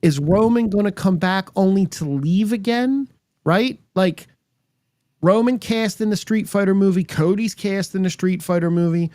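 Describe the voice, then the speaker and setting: A man's voice: high voice, normal speed, darkish tone, no room sound, studio quality. A man co-hosting a podcast, chatting casually about wrestling, speculating aloud with slangy, questioning remarks. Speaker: podcast co-host. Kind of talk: casual wrestling recap chat.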